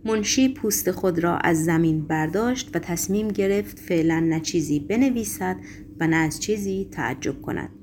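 Low-voiced woman reading a novel. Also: a little mellow, a little hiss or hum. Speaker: audiobook narrator. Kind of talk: scripted literary narration.

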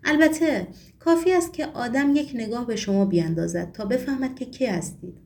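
A woman's voice: on the high side, vocal fry, a little mellow, a little hiss or hum, voice pushed up. A woman voicing a sobbing, theatrical man. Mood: tearful. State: crying, sobbing.

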